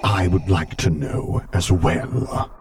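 A man voicing a menacing masked dark lord who speaks in a clipped tone of restrained fury through a vocoder. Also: deep voice, takes it slowly, slight background noise.

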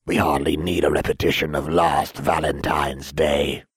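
A man voicing Lord Voldemort, deep and husky. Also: level tone, no room sound, studio quality, full character voice. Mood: commanding. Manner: clipped, commanding, slow menace. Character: cold, imperious male dark lord. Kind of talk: audiobook character voice.

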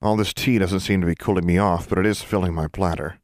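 A cool, composed witch woman, read by a man in his own low voice, calm and dry in her authority. The tone stays deep and unhurried. The sound is dry and close to the mic. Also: no room sound, lightly acted.

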